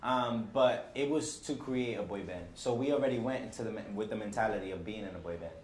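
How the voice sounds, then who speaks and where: A man in his twenties, a band member chatting casually in an interview, relaxed with lots of fillers. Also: on the low side, fast. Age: 20s. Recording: echoey with faint noise.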